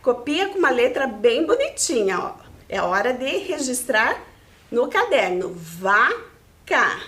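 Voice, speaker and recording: A woman with a Brazilian Portuguese accent teaching a video lesson to first graders, speaking slowly and patiently in a sing-song teacher voice. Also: on the high side, very animated, fairly bright tone.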